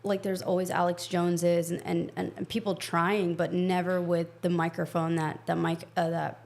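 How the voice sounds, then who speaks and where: Female interview guest from Egypt with a low, creaky voice; blunt and opinionated. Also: little pitch movement, a little mellow. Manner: frank, opinionated, talks in quick bursts. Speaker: podcast guest. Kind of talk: casual interview conversation.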